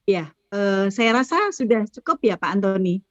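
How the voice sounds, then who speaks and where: Woman, meeting moderator, soft halting speech, muffled call line. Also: medium pitch, big pitch swings, no echo. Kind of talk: hosting a prayer meeting call. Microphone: video call. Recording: dull lo-fi video call audio.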